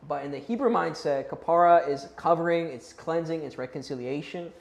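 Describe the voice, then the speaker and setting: Fairly high-pitched and creaky, this man talks fairly quickly while leading a youth Bible class. His style is relaxed and conversational, he checks in with the group, and he stumbles over how to say certain Hebrew and Greek words; the recording has a roomy echo.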